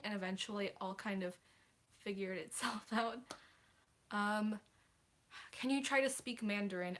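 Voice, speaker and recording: Answering her viewers' questions on a casual livestream, a teenage girl sounds chatty and apologetic and hesitates a lot. Her voice is medium-pitched with a fairly bright tone.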